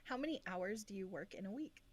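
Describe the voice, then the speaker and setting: A woman's voice: mid-range voice, animated, fast talker, slightly rough. A woman co-hosting a podcast, asking questions in casual chat and encouraging her guest. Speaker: podcast co-host.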